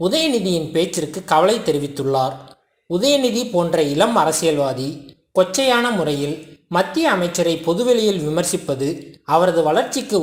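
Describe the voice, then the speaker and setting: Casting: formal scripted news narrator, measured phrasing, animated intonation, roomy echoing sound. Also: medium pitch.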